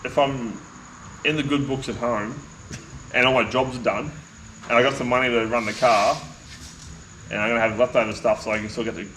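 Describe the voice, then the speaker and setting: A man's voice: mid-range voice, steady tone, fairly quick, pauses often, fairly bright tone, rough recording. A man chatting casually and slangily with mates as a podcast co-host. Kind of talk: casual chat between mates. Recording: faint background noise.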